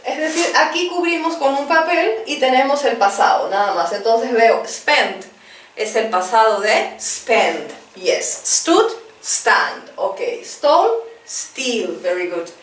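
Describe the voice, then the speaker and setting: A woman teacher with a high voice speaks slowly and patiently, repeating each verb for practice and praising the learner. Her voice sits a little back from the microphone in a roomy, echoing space. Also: expressive, far from the mic. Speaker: English teacher. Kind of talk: language lesson, drilling verb lists.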